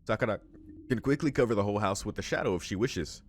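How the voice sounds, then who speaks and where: Talking fast in a lowish voice, a man reads out game text as a let's play host. Between the read sections he throws in casual, exclamatory commentary.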